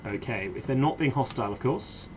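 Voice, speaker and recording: Understated man over clear helicopter noise. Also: medium pitch, expressive. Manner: understated, measured, wordy phrasing. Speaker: helicopter pilot player. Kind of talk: casual military game comms. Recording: loud helicopter noise behind voice.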